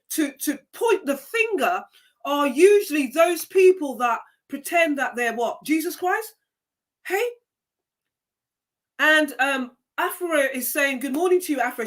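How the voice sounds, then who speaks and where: A woman with a Jamaican accent hosting a live stream, giving an emphatic, preachy motivational talk and repeating key words. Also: sits high.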